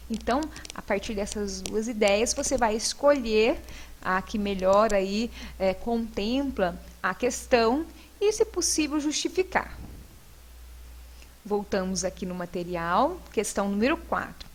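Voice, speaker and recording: A female teacher with a Brazilian Portuguese accent goes through homework answers in a recorded lesson, patiently explaining each point step by step and often saying "né". Her voice is medium-pitched with lively intonation and a slightly slow pace.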